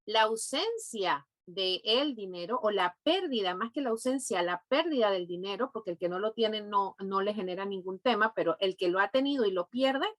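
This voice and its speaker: A woman with a Venezuelan Spanish accent, a guest on a podcast, walking through ideas step by step with pauses and filler words. Her voice sits a little high, and the sound is dry and close. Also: a bit bright, no echo. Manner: explanatory, thoughtful with pauses and fillers. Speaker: guest, neurofinance specialist. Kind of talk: podcast interview.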